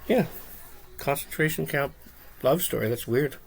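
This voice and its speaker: Guy rambling thru a trivia story w/ friends, lots of ums, middle pitch. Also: a little slow, vocal fry. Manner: rambling, relaxed storytelling with fillers. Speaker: podcast co-host. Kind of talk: casual trivia chat.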